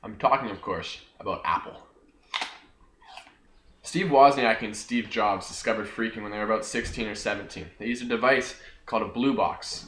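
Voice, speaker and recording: A man's voice: lowish voice, a bit bright, roomy sound, a little hiss or hum, poor audio. A young man hosting a jokey, scripted history lesson, talking back to himself between facts. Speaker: host of a homemade history video.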